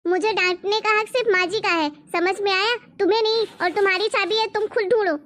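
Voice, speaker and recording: Cartoon young wife, defiant, quick comebacks, very high-pitched voice, played by a woman. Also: steady tone, fairly bright tone. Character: young wife, sharp-tongued daughter-in-law. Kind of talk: cartoon voice acting.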